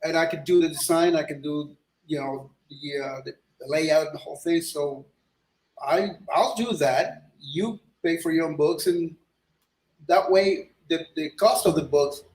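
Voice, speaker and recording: A guest illustrator from Ecuador, middle-aged, speaks unhurriedly in a fairly high voice with a darkish tone. In this relaxed interview he rambles, repeatedly restarting and using fillers, and the recording sounds echoey.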